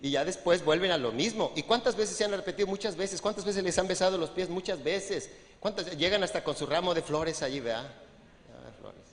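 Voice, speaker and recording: A man's voice: high-pitched, a little fast. A man preaching a sermon as pastor, conversational and joking, talking to the congregation and acting out little scenes. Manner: conversational, humorous preaching with frequent asides to the congregation; acts out little scenes with voices. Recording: long hall reverb from a church.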